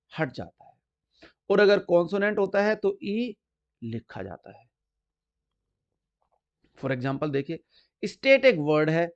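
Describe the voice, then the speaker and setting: Slow, high-voiced male spelling teacher. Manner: slow, drawn-out, stresses key words and repeats examples. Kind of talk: explanatory lesson. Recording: dull lo-fi recording.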